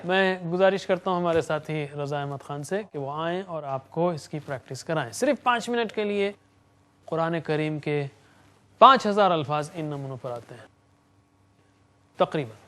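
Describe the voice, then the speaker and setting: High-voiced man teaching Arabic grammar. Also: expressive, fairly bright tone. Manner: explains slowly, repeating words with hand gestures. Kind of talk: classroom lecture.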